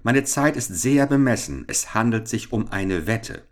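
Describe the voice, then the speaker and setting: A man voicing a bold, cheeky young adventurer who speaks coolly and briskly. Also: on the low side, animated, pitched above the performer's own voice. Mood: polite.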